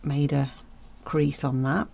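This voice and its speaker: Low gravelly-voiced woman. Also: little pitch movement, takes it slowly, muffled recording, slight background noise. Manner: chatty, self-correcting, often drops to a soft murmur while working. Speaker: sewing tutorial host. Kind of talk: casual stitching tutorial.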